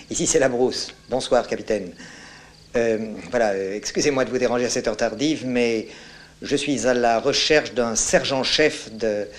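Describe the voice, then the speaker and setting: Actor playing a composed, polite officer; even, mid-range voice. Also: male voice, medium pitch, natural voice. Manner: calm, courteous, measured. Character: calm polite male army captain. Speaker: army captain. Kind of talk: film drama acting.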